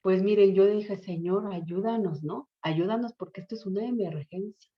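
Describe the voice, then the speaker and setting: A woman's voice: medium pitch, normal speed. A middle-aged woman pastor telling an emotional testimony in a sermon, earnest and heartfelt. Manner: earnest, emotional storytelling with acted quotes. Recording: muffled lo-fi church recording.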